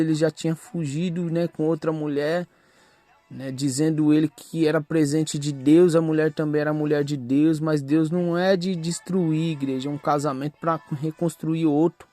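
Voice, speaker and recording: A man preaching an earnest testimony sermon with a fairly high voice. He keeps turning to his congregation with small tag questions. Soft music plays faintly underneath. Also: steady tone, moderate pace. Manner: earnest, repeats "né" and addresses the congregation as "igreja". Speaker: pastor.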